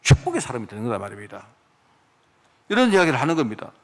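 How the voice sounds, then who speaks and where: A man's voice: medium pitch, fast. A middle-aged man from Daegu with a Gyeongsang accent, preaching a sermon with emphatic rhetorical questions. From Daegu, South Korea. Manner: animated, emphatic, asks the congregation rhetorical questions. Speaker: pastor.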